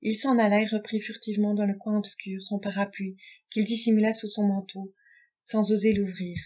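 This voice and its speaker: A woman narrating a classic novel as an audiobook in a measured storytelling manner. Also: mid-range voice, level tone, darkish tone, breathy edge, highs cut off. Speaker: audiobook reader.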